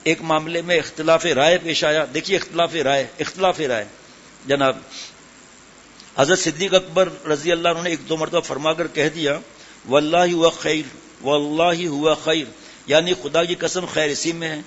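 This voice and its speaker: Higher-pitched preacher man, dull recording. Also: fairly even intonation, fairly bright tone. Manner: questions the audience directly, mixes in English words. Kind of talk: religious sermon to a live gathering.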